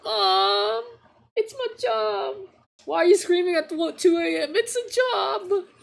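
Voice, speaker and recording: Woman doing a shrill whiny gamer kid. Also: very animated, slow, gravelly, heavily acted. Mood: pleading. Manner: shrill, insistent pleading. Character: whiny young gamer pleading with mom.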